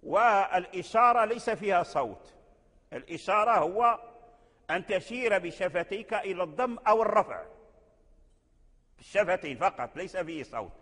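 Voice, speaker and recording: Moroccan sheikh teaching Quranic readings, echoey hall. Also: male voice, sits high, animated, a bit bright. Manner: explains patiently with repetitions and restarts, chants verses slowly. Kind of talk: classroom lecture on Quranic readings.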